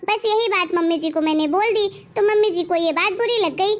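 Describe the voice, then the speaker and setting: Brief: woman doing a demanding daughter-in-law, high voice, bossy and defiant. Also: a little fast, highs cut off. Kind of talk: family drama acting.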